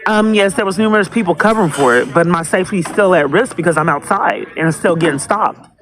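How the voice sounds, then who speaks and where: Calling the police for help, a woman speaks quickly and animatedly in a voice on the low side, with faint music behind her. She's insistent, repeats herself, and often talks over the dispatcher.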